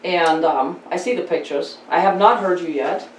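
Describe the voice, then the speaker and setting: A man from Germany with a German accent, hosting a casual interview and talking in an animated, chatty way with many repeated words. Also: on the high side, moderate pace, a little hiss or hum. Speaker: podcast host. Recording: roomy distant mic with faint ambience.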